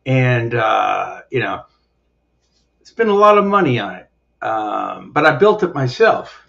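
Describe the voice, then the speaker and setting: A man's voice: medium pitch, big pitch swings, takes it slowly, gravelly, a bit bright, muffled recording. A man from Texas calling in to a livestream, a bit tipsy after a few beers, talking casually and emphatically. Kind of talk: casual call-in chat.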